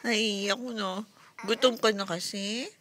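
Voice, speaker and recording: A woman's voice: mid-range voice, steady tone, slow pace, background noise. A young woman, a mother, chatting and teasing her baby in playful sing-song baby talk at home.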